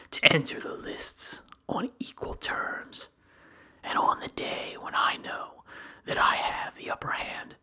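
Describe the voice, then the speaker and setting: Someone reads a philosophical text aloud in a breathy ASMR whisper, in measured, deliberate phrases with short pauses. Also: mid-range voice, sharp tone.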